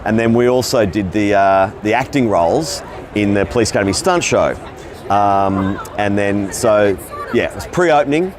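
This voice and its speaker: Talking over a crowd and other background noise on a convention floor, a middle-aged Australian voice actor loosely recounts his career in casual interview answers. His voice is on the low side and expressive, delivered at a normal speed.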